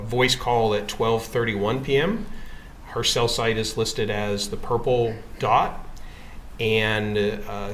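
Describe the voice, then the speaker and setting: Man, courtroom witness, monotone delivery, measured and formal, echoey room, noticeable background noise. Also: on the low side. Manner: measured, formal, matter-of-fact. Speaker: witness presenting records in court. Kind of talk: courtroom testimony with slides.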